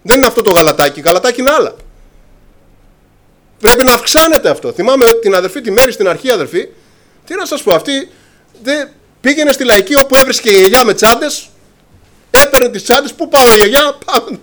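Male preacher, sermon, high-pitched, very lively intonation, impassioned, acts out scripture scenes. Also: pauses often. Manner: impassioned, addresses congregation as brothers, acts out dialogue.

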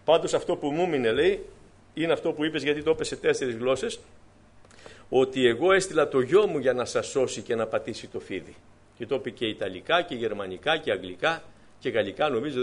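A man preaching an informal sermon, telling personal stories and rising into emphatic bursts to stress his points. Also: mid-range voice.

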